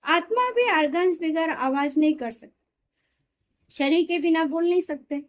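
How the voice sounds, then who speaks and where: A woman reading a spiritual discourse aloud in a steady, explanatory way, sometimes correcting herself mid-word. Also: extremely high pitch, moderate pace. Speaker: reader of a daily spiritual discourse.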